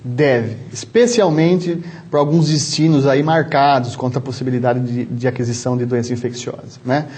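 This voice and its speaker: A travel medicine doctor with a São Paulo interior Brazilian Portuguese accent answers questions as an interview guest. His mid-range voice is steady and a little mellow, and he explains things in a measured way, often restarting.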